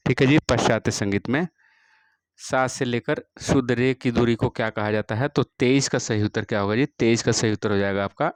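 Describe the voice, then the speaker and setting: Man, music teacher, practice exam questions, repeats each question, steady filler after answers, mid pitch, dry close sound. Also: brisk, smooth, no echo, rough recording. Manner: repeats each question, fills with "theek hai ji".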